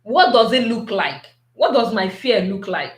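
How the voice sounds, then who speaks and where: A woman giving a motivational talk, slow and repetitive, asking her listeners many questions. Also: medium pitch, lively intonation, roomy sound.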